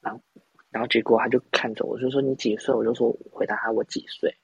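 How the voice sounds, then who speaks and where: A young man in his twenties chats on a podcast, rambling through a self-mocking story with lots of restarts. His voice is gravelly and very husky. The sound is dry and close. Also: medium pitch, flat delivery, quick pace, dry recording, lo-fi sound. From Taiwan. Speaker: podcast host. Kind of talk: casual storytelling chat.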